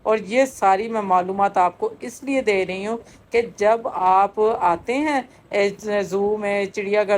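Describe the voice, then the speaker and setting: A woman's voice: medium pitch, slight background noise. A middle-aged woman narrating a vlog in a chatty, casual way, full of fillers. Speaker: vlogger.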